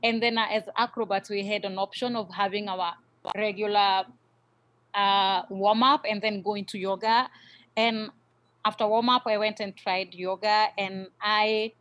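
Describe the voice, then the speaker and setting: Kenyan woman, thirties, podcast guest, casual, easygoing, pauses with "uh". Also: medium pitch, dull audio. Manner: relaxed, many "uh" pauses. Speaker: podcast guest, yoga teacher trainer. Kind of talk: casual interview chat.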